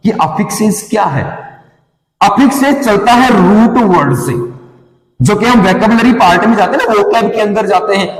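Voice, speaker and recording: A man's voice: sits high, fairly bright tone. A man teaching an English lesson, drilling each term by asking a question and then answering it himself. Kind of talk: classroom lesson, call-and-response drilling. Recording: echoey hall with long reverb.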